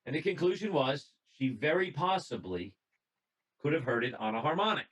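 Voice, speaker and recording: A man's voice: fairly high pitch, animated, moderate pace, slightly rough, muffled recording. Conversational man presenting over a video call. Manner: conversational storytelling, reading out notes, small restarts. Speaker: presenter at a radio club talk. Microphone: computer mic on a video call.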